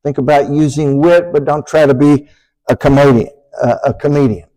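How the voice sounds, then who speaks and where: A man lecturing to an audience in a room, deliberate and emphatic, slowing down to stress key phrases. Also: a little high, fairly even intonation, mellow, poor audio. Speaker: speaker giving a talk.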